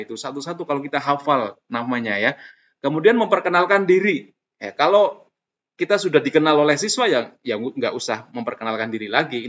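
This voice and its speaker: A man's voice: mid-range voice, fairly bright tone. A man giving a casual, chatty tutorial to teachers, explaining step by step with lots of fillers. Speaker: teacher trainer. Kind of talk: casual screen-recorded tutorial. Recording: dull lo-fi sound.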